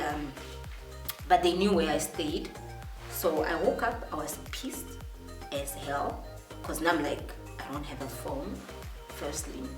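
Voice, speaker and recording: A young woman from Namibia with a Namibian accent, telling a story casually with many fillers and restarts. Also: fairly low pitch. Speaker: vlogger. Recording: roomy, distant mic, faint music.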